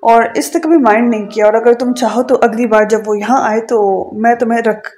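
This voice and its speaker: A woman's voice: a little high, steady tone, a little mellow, lightly acted. Woman reading as a cool, teasing young husband. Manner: cool, unapologetic, dryly provoking.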